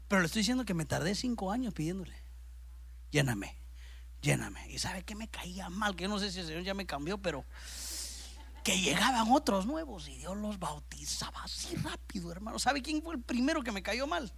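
Male pastor, bright and high voice, animated preacher, loud-to-hushed swings, addresses the congregation directly. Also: brisk, vocal fry, breathy edge. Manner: animated, swings between loud bursts and hushed asides, keeps calling listeners "hermano". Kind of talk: sermon. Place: church service with a congregation present.

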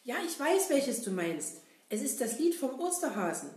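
A woman voicing a cheerful, cheeky male puppet jester, talking excitedly to children. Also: on the high side, moderate pace, pitched above the performer's own voice. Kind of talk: children's audio puppet play. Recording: roomy echo.

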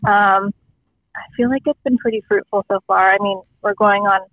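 A woman's voice: mid-range voice, steady tone, normal speed, dry recording. A woman heard over a phone on speakerphone, chatting casually as a phone-in guest with lots of "like" and "um" fillers and frequent laughs. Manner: rambling with many "like" and "um" fillers, laughs often. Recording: dull lo-fi phone line.

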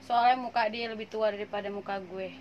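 A woman's voice: medium pitch, steady tone, lo-fi sound, a little hiss or hum. A woman, co-hosting a casual podcast with teasing comebacks. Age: late 20s. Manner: teasing, joking, quick comebacks. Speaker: podcast co-host.

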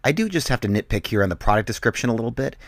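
A man co-hosting a comedy podcast, casually telling a deadpan absurd story as a product review. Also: mid-range voice, racing, no echo, clean studio sound.

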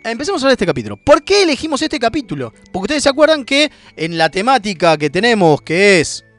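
Animated podcast host, high voice. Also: male voice, fast talker, no echo, soft background music. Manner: animated, reads messages aloud. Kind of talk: casual chat, reading listener messages.

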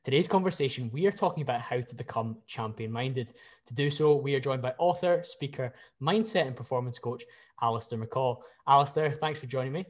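A man's voice: mid-range voice, fairly quick. A man from the UK hosting a podcast interview, posing structured questions in a friendly way. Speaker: podcast host.

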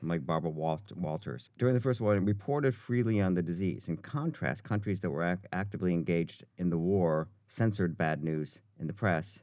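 A man's voice: sits low, moderate pace, few pauses, a little mellow, no echo. A man co-hosting a casual podcast with dry, joking banter and fun facts, who pronounces his R's like W's. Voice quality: says w for r, cannot pronounce R's. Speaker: podcast co-host.

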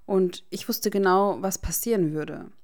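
A woman voicing a guarded, sharp-tongued teenage wizard boy with a dry, teasing manner. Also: mid-range voice, measured pace, close to an everyday voice.

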